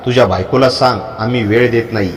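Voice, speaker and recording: A man's voice: mid-range voice, fairly even intonation, quick pace, close to an everyday voice. A man voicing a cold, menacing male gang leader who growls his threats, with a long hall reverb on the voice.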